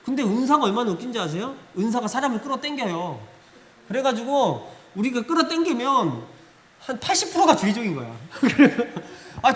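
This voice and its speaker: A man preaching a Sunday sermon as pastor, telling stories in an animated way and punching words with sudden loud emphasis. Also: very high voice. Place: church sanctuary. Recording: echoey church hall.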